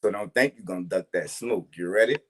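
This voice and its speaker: A man's voice: sits low, fast, fairly bright tone, slightly rough. A man with a New Orleans accent hosting a podcast, joking and laughing often in casual chat. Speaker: podcast host.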